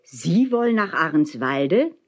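Woman doing a gruff old bargeman. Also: sits low, big pitch swings, measured pace, full character voice. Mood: bellowing. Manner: bellowing, blunt, grumbling. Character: gruff old male bargeman, stubborn, loud.

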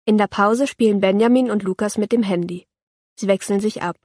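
A woman reads a children's story aloud in a calm, clear manner, her voice sitting at an ordinary middle pitch. The recording is dry and close, with no room sound around her. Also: fairly quick, dry recording. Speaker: narrator. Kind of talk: children's audiobook reading.

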